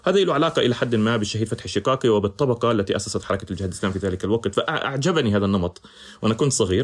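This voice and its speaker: A man with a rural Palestinian Arabic accent from the Jerusalem and Ramallah area, talking reflectively as an interview guest and slipping into bookish, formal wording. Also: on the low side. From Palestine, villages near Jerusalem and Ramallah. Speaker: podcast guest.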